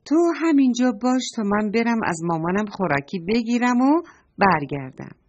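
A woman's voice: medium pitch, lively intonation, voice pushed up, close to an everyday voice. A woman voicing a little girl who guards her new doll, speaking in a childlike, reproachful way, on a dull lo-fi recording. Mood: childish, earnest.

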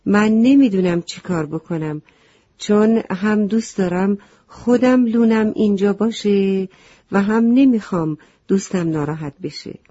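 A woman's voice: mid-range voice, mellow, slightly rough, natural voice. A woman voicing a small, tired but kind sparrow who talks in a friendly, open way in a storybook reading. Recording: slightly muffled lo-fi recording.

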